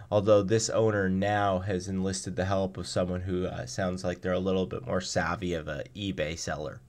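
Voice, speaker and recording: A car blog writer appears as a guest in a radio interview, answering questions conversationally and explaining his subject along the way. He has a deep, low-pitched voice.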